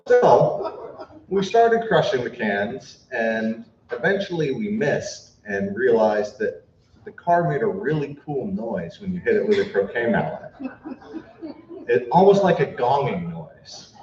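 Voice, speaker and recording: A man's voice: mid-range voice, sing-song, unhurried, darkish tone. A young man giving a memorial speech, telling childhood stories with light humor, then reading a passage earnestly, sometimes stumbling over words. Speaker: eulogist at a memorial. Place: memorial service hall. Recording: echoey, distant, dull room recording.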